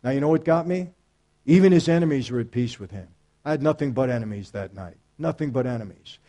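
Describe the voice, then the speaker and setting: A man's voice: mid-range voice, quick pace. Emphatic man telling his own story. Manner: emphatic, storytelling, talks straight to the audience; swings between hushed and loud. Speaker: speaker giving a faith testimony. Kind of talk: personal testimony talk.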